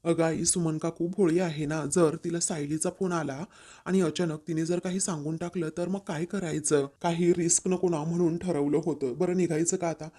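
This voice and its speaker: A man's voice: fairly high pitch, fairly even intonation, normal speed, warm tone, lightly acted. A man reading an evasive young woman. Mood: explaining.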